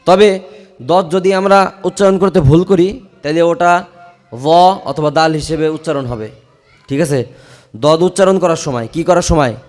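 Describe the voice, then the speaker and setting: A man with a rather high voice and a Bangladeshi Bengali accent leads a Quran recitation class in a madrasa classroom. He stretches each chanted verse long and slow, then explains pronunciation briskly, checking with his students again and again. Faint music plays behind him. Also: darkish tone.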